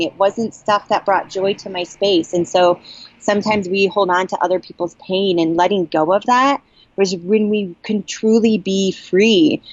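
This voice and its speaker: A woman telling a personal story as a podcast guest, earnest and halting with many restarts, getting emotional as she speaks. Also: lowish voice, no echo. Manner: emotional, gets worked up. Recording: dull, dry lo-fi audio.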